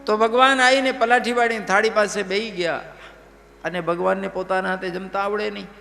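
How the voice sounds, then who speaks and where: A man telling a devotional story as a sermon, animated and checking in with listeners. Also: sits high, fairly quick, creaky, slight background noise. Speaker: religious storyteller. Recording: live hall reverb, faint music.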